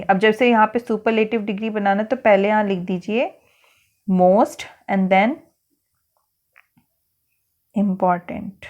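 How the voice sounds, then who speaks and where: A woman with an Indian accent teaching an English worksheet lesson to schoolchildren, speaking patiently and spelling words out letter by letter. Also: medium pitch.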